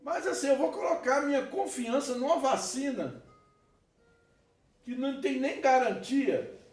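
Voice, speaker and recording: A man with a Brazilian Portuguese accent, a pastor preaching an animated sermon with laughter and asides. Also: very high-pitched, measured pace, faint music behind. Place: church hall. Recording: echoey church hall, mic at a distance.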